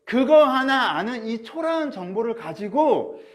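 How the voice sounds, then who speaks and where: A man preaching a sermon as pastor of a church, animated, swinging from soft asides to loud cries. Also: extremely high pitch, unhurried. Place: church or small studio, online service.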